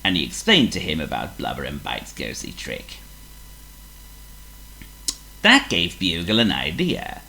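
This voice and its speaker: Slow, lively man reading a storybook. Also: low-pitched, creaky, slight background noise, low-quality recording.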